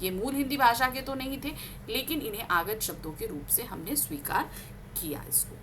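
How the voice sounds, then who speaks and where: A woman teaching grammar, reading out word examples slowly with stress and asking her class questions she answers herself. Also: fairly high pitch, animated, background noise.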